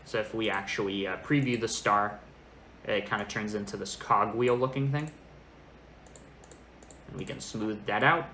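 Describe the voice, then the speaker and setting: A young man in his twenties giving a casual software tutorial, thinking aloud informally as he works. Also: lowish voice, normal speed, long pauses. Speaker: tutorial presenter. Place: small indoor room. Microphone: makeshift microphone, not the usual good one. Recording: echoey room, fan noise, lesser microphone. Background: fan noise, computer keyboard.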